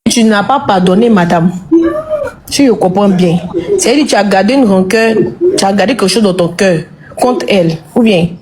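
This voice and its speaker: Woman interviewer asking slowly, off-mic. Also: medium pitch, darkish tone, a little hiss or hum.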